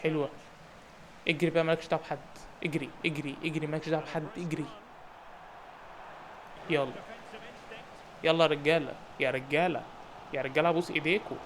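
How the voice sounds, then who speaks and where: A young man with an Egyptian Arabic accent giving joking, excited commentary on a football game and shouting at his players. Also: on the high side, quick pace, long pauses, a little hiss or hum. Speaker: gaming YouTuber.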